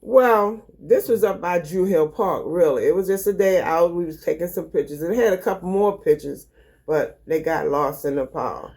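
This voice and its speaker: A woman's voice: on the low side, normal speed, darkish tone. Older woman with a Baltimore accent. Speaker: mother sharing memories. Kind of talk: casual chat, storytelling.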